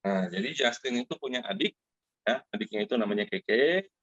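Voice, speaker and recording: A middle-aged man hosting a Zoom meeting, telling a lively personal product story to friends in a casual way with many fillers. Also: on the low side, brisk, no room sound. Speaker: Zoom meeting host giving a product testimonial. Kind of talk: casual spoken testimonial to an online group. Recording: dry, dull lo-fi video call audio.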